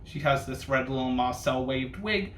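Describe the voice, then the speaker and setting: Speaking at normal speed in a medium-pitched, somewhat bright voice, a man gives casual reaction commentary while hosting a ranking video as a reviewer. The delivery is sassy, bitchy and drag-queen styled, thick with camp slang and cursing. It was captured in an echoey room with faint noise.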